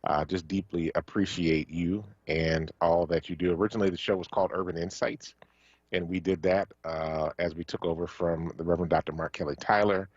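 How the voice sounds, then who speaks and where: A man from Philadelphia co-hosting a radio talk show, speaking casually with many fillers and pauses. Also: deep voice, fairly even intonation, slightly rough, dry recording, lo-fi sound. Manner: halting, many fillers, warm thanks. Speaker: radio co-host. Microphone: studio microphone.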